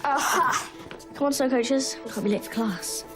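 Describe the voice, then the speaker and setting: British female, acting a schoolgirl, fairly high voice, brisk, organising, eager to help, TV period drama. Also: music in the background, lightly acted. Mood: brisk, bossy. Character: bossy, helpful, eager boarding-school girl organising her friends.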